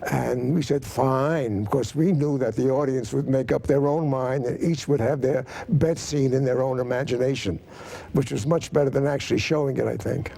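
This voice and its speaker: A male screenwriter being interviewed, speaking in a relaxed, wry way. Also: medium pitch, moderate pace, gravelly, rough recording.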